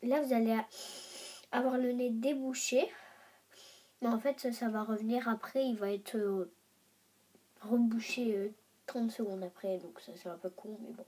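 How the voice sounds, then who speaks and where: A woman's voice: a little high, fairly even intonation, measured pace, pauses often, warm tone, slightly rough. A young woman chatting casually in a beauty vlog, her voice nasal and stuffed up from a cold. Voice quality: nasal, congested with a blocked nose from a cold. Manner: chatty, informal, self-deprecating. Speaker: beauty vlogger. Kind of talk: casual chatty vlog, showing homemade makeup.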